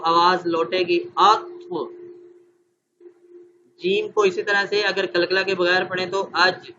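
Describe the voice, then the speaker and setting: A man's voice: high voice, pushed and bright. A man training teachers online, explaining step by step and often checking that his listeners understand. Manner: demonstrates letter sounds and recites verses slowly. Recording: dull lo-fi online class audio with faint noise.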